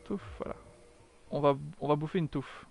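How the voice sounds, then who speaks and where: A man's voice: fairly high pitch, lively intonation, normal speed, darkish tone. A man giving chatty live commentary while streaming a video game, mocking himself, swearing often and answering his chat.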